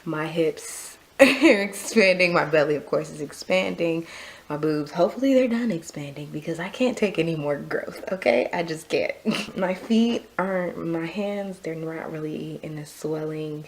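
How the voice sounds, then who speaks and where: A young woman vlogging a casual pregnancy update, a little out of breath, chatty and quick to laugh. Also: low-pitched, a little hiss or hum. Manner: chatty, repeats herself, laughs often. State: slightly out of breath.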